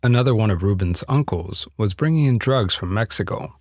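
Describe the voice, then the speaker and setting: Low-voiced guy narrating, lots of swing in his pitch, dry close sound. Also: lively intonation, brisk, a little mellow, slightly rough, no echo. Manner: dramatic storytelling delivery. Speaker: narrator, podcast host. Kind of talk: scripted narration.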